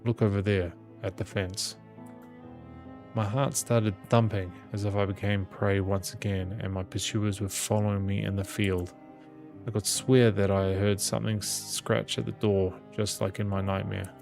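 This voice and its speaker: Over soft game music, a gaming channel host reads a visual novel aloud in a lowish, gravelly voice. He speaks at normal speed with fairly flat intonation and stumbles slightly on the odd word.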